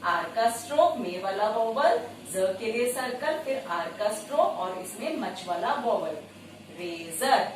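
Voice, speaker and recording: Slow lady tutor spelling out shorthand strokes, repeats each word, sounds far off the mic. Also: fairly high pitch, animated, slight background noise. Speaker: shorthand teacher. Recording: very echoey room, voice off-mic.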